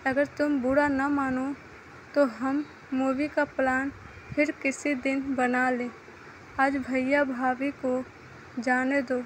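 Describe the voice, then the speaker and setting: Impatient young guy in a story, read by a woman, high even voice, slow. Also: slight background noise, poor audio. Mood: weary. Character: young man, annoyed brother-in-law in love with his fiancée.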